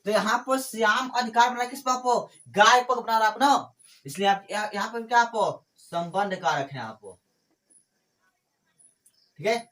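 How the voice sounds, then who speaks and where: A man's voice: high voice, a bit bright. A man teaching a grammar lesson. He asks questions and answers them himself, repeats phrases, and keeps dropping in small fillers like "okay". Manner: fills pauses with "ठीक है" and "आपको".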